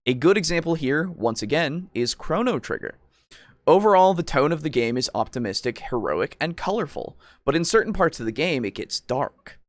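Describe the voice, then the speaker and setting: A male podcast host with a medium-pitched voice chats casually and reads out comments, keeping things playful and jokey. The recording is dry, with no room sound.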